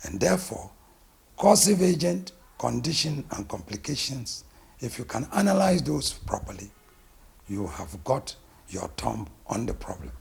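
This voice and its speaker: A middle-aged man from Ghana with a Ghanaian accent, a naturopathic physician introducing himself and his work in a deliberate, emphatic way. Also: mid-range voice, sing-song, creaky, husky. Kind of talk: self-introduction interview.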